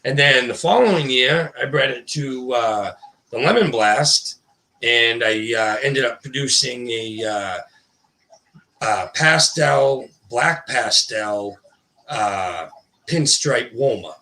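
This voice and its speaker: Speaking slowly and expressively, this guest ball python breeder has a medium-pitched, sharp-toned voice. His livestream talk is colloquial and rambling, full of restarts where he breaks into his own sentences. His R's always come out as W's.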